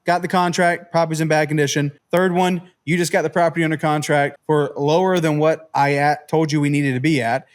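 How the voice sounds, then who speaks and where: A male host and coach who talks fast in a fairly high voice. He is energetic and encouraging, pushing his guest along with motivational pep. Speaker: host and real estate coach. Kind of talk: coaching interview.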